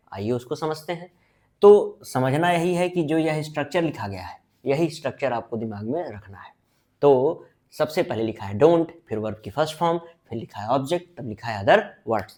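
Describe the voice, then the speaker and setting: Guy teaching english grammar at a board, asks a question then answers it himself, drags out the example lines slow, regular mid voice. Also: medium pitch, darkish tone. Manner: drawn-out emphasis on example sentences. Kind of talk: blackboard grammar lesson.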